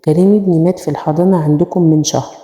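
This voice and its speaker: A woman's voice: low-pitched, fairly even intonation, rapid-fire, warm tone, natural voice. Harsh middle-aged father in a horror storybook, a woman doing him, Egyptian accent, curt, long reverb. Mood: angry. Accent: Egyptian Arabic. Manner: curt and angry. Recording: echoey room with long reverb.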